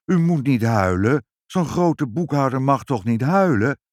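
A man's voice: mid-range voice, lively intonation, unhurried, no echo, pitched above the performer's own voice, natural voice. A fussy father who gets outraged easily speaks in an emphatic, slightly raised voice that rises and falls strongly, as a man reads him. The recording is dry and close. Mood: consoling. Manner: indignant, emphatic.

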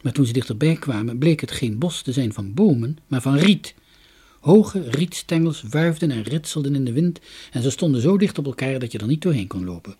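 A man reads a children's story aloud with a husky, breathy voice. His delivery is expressive and dramatic, and his pitch rises and falls widely. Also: fairly quick. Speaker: narrator. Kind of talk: storybook reading.

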